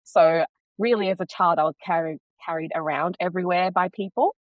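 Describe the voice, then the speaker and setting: A woman from Bangladesh, a podcast guest, explaining her story calmly in a casual interview and laughing easily. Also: on the low side, fairly quick, no room sound, dull audio.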